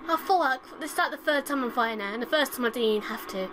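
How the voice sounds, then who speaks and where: A young woman's high, expressive voice races along as she plays a horror game by herself in her room at home. As a let's play host she reacts jumpily, swearing heavily, panicking and repeating things. Buzz and noise run through the home recording.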